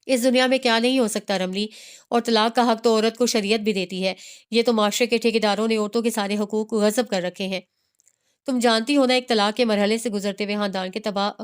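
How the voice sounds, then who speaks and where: A woman's voice: medium pitch, clear, resonant tone, lightly acted. A woman reading the part of a persuasive young woman who coaxes her friend to leave her husband. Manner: coaxing, insistent.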